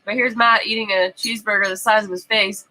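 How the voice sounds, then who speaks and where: A woman's voice: mid-range voice, steady tone, pushed and bright, poor audio. A woman co-hosting a livestream in casual chat, wry and teasing with her replies. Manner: wry, teasing, quick to laugh. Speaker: livestream co-host.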